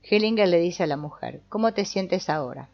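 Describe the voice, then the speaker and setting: A woman giving a calm, measured scripted narration. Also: lowish voice, vocal fry. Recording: dull lo-fi voice-over with soft guitar music.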